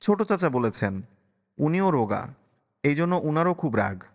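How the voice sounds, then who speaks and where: A man's voice: fairly high pitch, sing-song, unhurried. A man voicing a timid little boy who gives short, shy answers. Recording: long reverberant echo.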